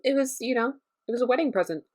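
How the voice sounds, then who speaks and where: A woman's voice: a little high, animated, racing, darkish tone. A woman playing a tabletop game, joking around and laughing a lot. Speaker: player. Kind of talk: casual tabletop play.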